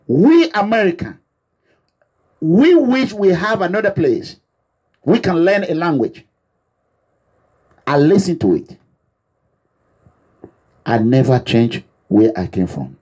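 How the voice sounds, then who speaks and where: Very animated yet slow, with long pauses, a Nigerian activist leader preaches to his supporters while abroad, returning to the same points again and again. His fairly high voice has a dark tone and a breathy edge.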